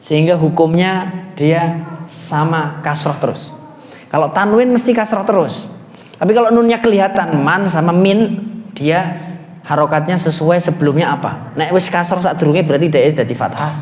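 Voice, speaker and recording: A man with a Javanese-tinged Indonesian accent teaching Arabic grammar to a class, quizzing students and chanting phrases slowly. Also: on the high side, a little mellow. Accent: Indonesian, with Javanese words. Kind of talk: classroom lesson. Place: mosque hall. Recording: echoey, reverberant hall.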